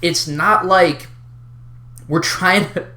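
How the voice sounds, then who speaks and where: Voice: medium pitch, very slow, bright, forceful tone, roomy sound. Someone on an exasperated, wild rant straight to the listener, casual, sweary and sarcastically emphatic, in an unscripted video. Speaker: online video creator addressing a community.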